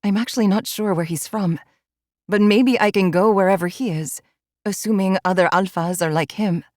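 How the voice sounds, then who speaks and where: A woman narrating a first-person audiobook in a measured, inward storytelling manner. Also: mid-range voice, a little mellow, dry recording, clean studio sound.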